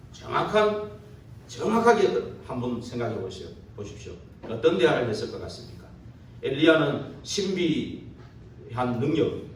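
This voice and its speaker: A man's voice: medium pitch, slight background noise. A man preaching a sermon as a pastor, posing rhetorical questions and checking agreement with the congregation through tag questions. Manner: poses rhetorical questions to the listeners. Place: church sanctuary during a service. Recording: very echoey church hall from far off.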